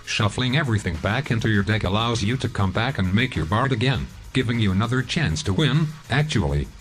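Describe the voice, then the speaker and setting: Low-ish male robot tts voice reading a script, steady, soft music in the back. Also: fairly quick. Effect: text-to-speech robot voice. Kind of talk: scripted card game deck explanation.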